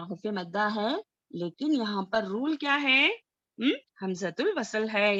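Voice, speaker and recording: A woman teaching Quran recitation in an online class, asking students questions and slowly drilling sounds. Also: mid-range voice, bright, forceful tone, dry recording. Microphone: video call. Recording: dull lo-fi video call audio.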